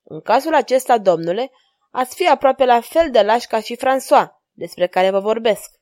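A woman's voice: a little high, lively intonation, darkish tone, no room sound, clean studio sound, close to an everyday voice. Woman reading as an ironic, elegant masked lady.

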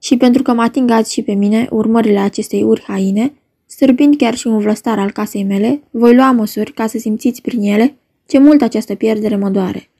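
A woman voices a ruling duke handing down judgment, measured and commanding. The tone is mellow and fairly high. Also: husky. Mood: stern. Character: stern ruling duke, solemn authority. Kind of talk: dramatic reading of a play.

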